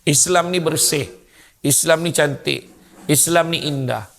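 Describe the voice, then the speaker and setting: A man giving a humorous religious lecture, telling comic stories in an animated way. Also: on the high side, a little slow, vocal fry. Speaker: preacher. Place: mosque lecture hall.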